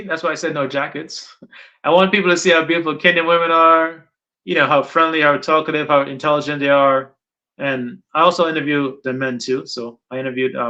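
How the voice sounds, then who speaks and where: A man's voice: on the high side, bright, forceful tone. A middle-aged man from Guyana, chatting casually as an interviewer, rambling and repeating his points for emphasis. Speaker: interviewer and channel host. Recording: dull lo-fi sound.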